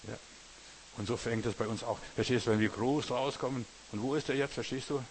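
A man delivers a folksy, conversational sermon, repeatedly checking whether the listener knows and understands. His voice is at an ordinary pitch with fairly even intonation, he speaks fairly quickly, and a faint hiss sits behind him.

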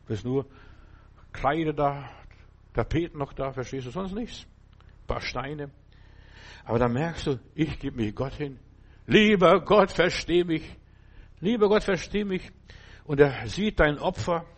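A man preaching a fervent sermon, repeating phrases and swinging between loud cries and low murmurs. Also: moderate pace, long pauses, slightly rough.

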